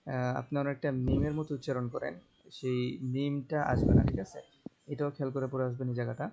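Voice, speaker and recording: A male Quran teacher giving an online tajweed lesson, alternating slow, drawn-out melodic recitation with quick plain explanations. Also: mid-range voice, level tone, gravelly, warm tone, highs cut off, slight background noise.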